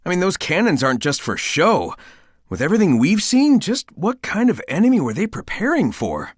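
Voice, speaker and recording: A cocky, good-hearted young hedgehog hero from a video game. The voice is youthful and slightly high, with lively swings in pitch. It is dry and close, and the delivery is casual, breezy and confident. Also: male voice, moderate pace, breathy edge, dry recording, full character voice. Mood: serious, pondering. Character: cocky, upbeat, caring young male cartoon hedgehog hero. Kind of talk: video game character dialogue.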